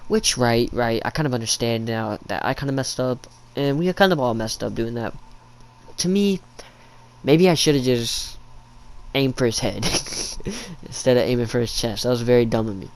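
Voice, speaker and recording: A man's voice: mid-range voice, normal speed, a little hiss or hum. A young adult man rambling through a casual, slangy storytime as a YouTube storyteller, recorded in a living room at home.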